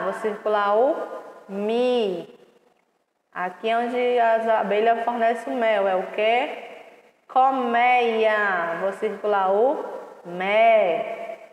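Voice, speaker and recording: A woman teacher speaking very slowly to small children, stretching each syllable with patient care. Her voice sits a little high. The room around her is echoey and rings with a long reverb. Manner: slow, drawn-out syllables, patient and instructive. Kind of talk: online class for young children.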